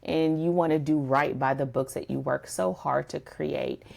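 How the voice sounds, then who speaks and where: Woman, low-pitched, gravelly, casual podcast host, emphatic, talks to the audience. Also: fairly even intonation, moderate pace, a little mellow. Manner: emphatic, addresses listeners directly.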